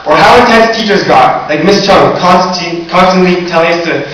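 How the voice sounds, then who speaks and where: This teen's graduation speech as valedictorian comes in a high-pitched voice at normal speed, earnest yet joking at moments. The mic sits far off in the audience of a large, echoing hall or gym, and the recording has hiss.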